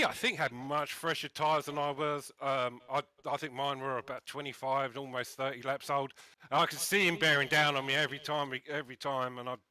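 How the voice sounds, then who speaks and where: A man from the UK, answering post-race interview questions in a halting way, often repeating words as he thinks. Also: mid-range voice, sharp tone. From United Kingdom. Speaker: race winner being interviewed.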